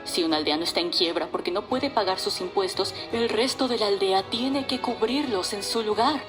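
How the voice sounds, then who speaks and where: A woman's voice: mid-range voice, normal speed, over music, natural voice. An actress voicing a worried middle-aged village mother talking about unpaid taxes in an anime dub. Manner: worried, explaining hardships.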